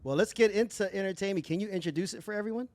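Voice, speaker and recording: A man's voice: sits high, racing, a little mellow. Hyped man hosting a DJ livestream. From United States. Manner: hyped, repeats praise like "very dope". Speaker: livestream DJ host. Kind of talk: casual interview on a livestream.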